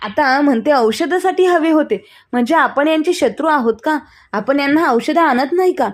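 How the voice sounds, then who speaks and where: A woman's voice: expressive, moderate pace. Woman reading as a scornful young daughter-in-law. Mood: accusing. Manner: shrill accusing.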